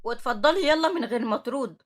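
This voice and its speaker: Woman voicing an older orphanage matron, Egyptian accent, firm and quick, husky. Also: fairly high pitch, expressive. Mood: angry. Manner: firm, scolding. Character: stern, motherly older woman who runs an orphanage.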